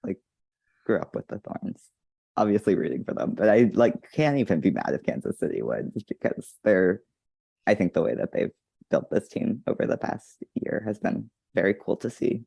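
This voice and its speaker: Male guest writer, very deep gravelly voice, hesitant, dry sound. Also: very animated, normal speed, dark tone, no echo. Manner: hesitant, many "um"s. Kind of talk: casual interview chat.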